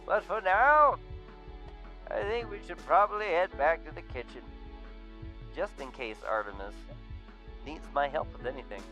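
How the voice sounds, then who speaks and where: A man voicing an older male furry homeowner who is warm and klutzy, in a visual novel reading. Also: creaky, full character voice. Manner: excitable, rises high when flustered.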